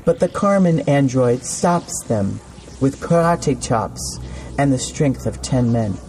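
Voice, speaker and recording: A man's voice: mid-range voice, lively intonation, slow pace, darkish tone. A man telling a playful, campy sci-fi story in scripted narration.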